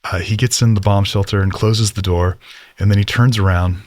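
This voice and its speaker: Low-voiced guy teaching story stuff, lots of ums and uhs, real enthusiastic, dry close sound. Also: fairly even intonation, a little fast, a little mellow, no room sound. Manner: rambling, filler-heavy, enthusiastic. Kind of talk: casual lecture.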